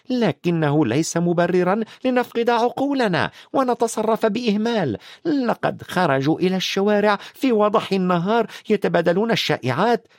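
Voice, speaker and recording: A man's voice: sits high, dry recording, clean studio sound, pitched above the performer's own voice. A man voicing a strict, impatient older witch professor in a storybook reading, talking sharply and fretfully. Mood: agitated.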